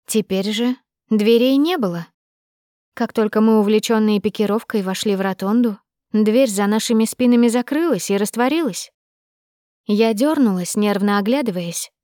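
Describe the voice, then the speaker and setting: A woman reading a first-person audiobook with expressive, measured storytelling. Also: medium pitch, no echo, studio quality. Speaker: narrator.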